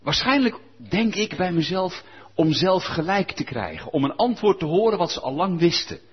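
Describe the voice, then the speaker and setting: Lively, husky-voiced man preaching. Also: sits high, moderate pace, muffled recording. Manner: lively, conversational, coaxing. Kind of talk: sermon.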